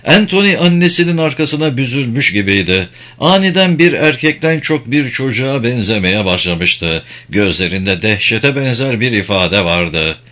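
Guy reading a novel out loud, pitch going all over the place. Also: lively intonation, moderate pace. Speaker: audiobook narrator. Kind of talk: scripted narration.

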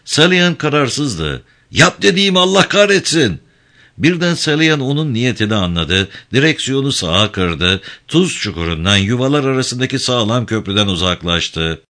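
A man reading a novel aloud in a dramatic, measured audiobook narration. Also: on the low side, sing-song, pushed and bright.

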